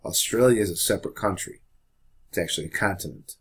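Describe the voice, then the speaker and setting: A man teaching a high school history lesson in a casual, chatty way, often checking in with the class. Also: fast talker, slightly rough. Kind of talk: classroom lecture.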